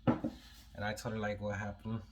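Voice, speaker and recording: A young man telling a personal story in a casual vlog, halting and emotional, full of "like" fillers, holding back tears. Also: lowish voice, completely flat delivery, heavy background noise.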